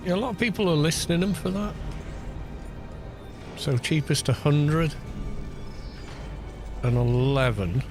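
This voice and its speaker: With a baritone voice, a man chats casually on a gaming stream, unhurried and pausing often, muttering to himself as he plays. His studio microphone has a low cut, and game music plays in the background.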